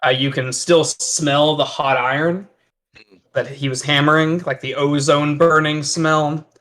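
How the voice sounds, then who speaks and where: A man narrating as game master of a tabletop game, talking haltingly with many fillers and restarts. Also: a little high, fairly even intonation, a bit bright.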